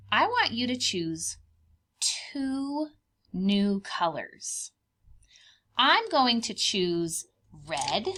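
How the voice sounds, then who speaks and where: A woman preschool teacher with a medium-pitched, fairly bright voice walks children through an art lesson step by step. She keeps her language simple and child-directed, asking encouraging questions and repeating phrases.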